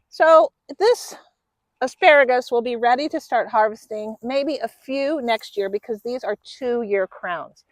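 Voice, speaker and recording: A woman hosting a gardening video outdoors, explaining her planting in a relaxed, chatty way. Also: medium pitch, dry recording. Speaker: gardening channel host. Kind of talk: casual how-to gardening talk. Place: outdoors in a garden bed in a grassy field.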